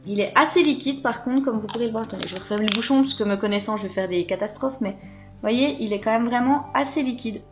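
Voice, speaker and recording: A woman's voice: a little high, fast, faint music behind. Chatty woman unboxing. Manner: chatty, hesitant, many fillers. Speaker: beauty box unboxing vlogger. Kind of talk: casual unboxing chat to camera.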